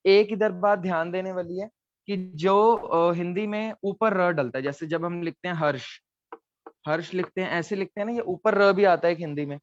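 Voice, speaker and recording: A man's voice: high voice, normal speed, dry recording, lo-fi sound. A man teaching a script lesson step by step, patiently checking that his students follow. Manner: patient, explains step by step, checks with "theek hai". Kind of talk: online Gurmukhi lesson at a board.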